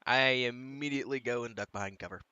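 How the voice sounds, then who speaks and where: A man's voice: medium pitch, quick pace, sharp tone, clean tone, no room sound, muffled recording. A man playing a tabletop game who talks casually and swears freely. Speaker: player.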